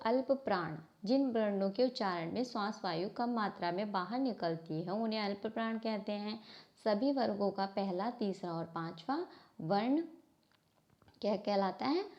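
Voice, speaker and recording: A woman teaching Hindi grammar to a class, asking questions and answering them herself, often stopping to correct herself. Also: medium pitch. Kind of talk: classroom lesson explaining from a book. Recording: slightly dull lo-fi sound.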